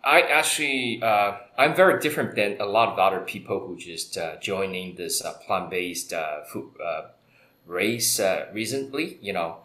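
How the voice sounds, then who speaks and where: A man's voice: lowish voice, moderate pace, pushed and bright. A man from Taiwan, a company founder, answering interview questions in a hesitant way with many fillers. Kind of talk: conversational interview. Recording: echoey room.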